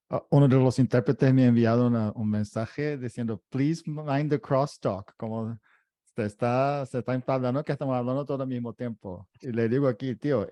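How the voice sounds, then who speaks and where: A man from Brazil with a Brazilian Portuguese accent in his Spanish, talking casually on a panel in halting, hesitant phrases. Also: medium pitch, warm tone, no room sound. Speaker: interpreter and panel co-host.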